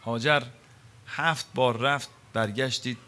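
Forceful man preaching with drama. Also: mid-range voice, fairly even intonation. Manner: dramatic storytelling with rhetorical questions; swings between loud emphasis and hushed quiet. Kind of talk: sermon.

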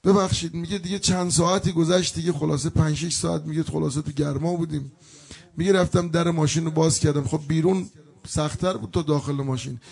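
A man's voice: a little high, fairly even intonation, vocal fry, a little mellow, slightly rough. A male preacher delivering a mourning sermon, telling a story with emotion and breaking into plaintive chanted elegy.

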